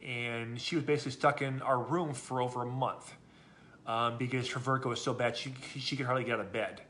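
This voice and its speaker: Middle-aged guy, bright forceful voice, rambly testimonial talk with lots of ums. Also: mid-range voice, steady tone, fairly quick, slight background noise. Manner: rambling, many ums and restarts. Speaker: product testimonial speaker.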